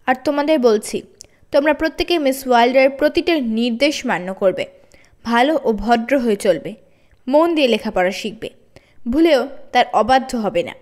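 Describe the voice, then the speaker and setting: A woman voicing a stern, steady middle-aged father in a read-aloud story, speaking in a measured, firm way and stressing each word. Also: fairly high pitch, natural voice.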